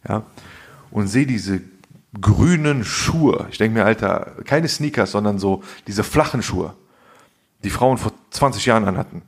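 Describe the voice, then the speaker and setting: A man telling a story casually on a podcast in heavy street slang, animated and full of asides. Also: fairly low pitch, a little slow, slightly rough. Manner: slangy, animated storyteller, says "Alter" a lot. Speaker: podcast co-host.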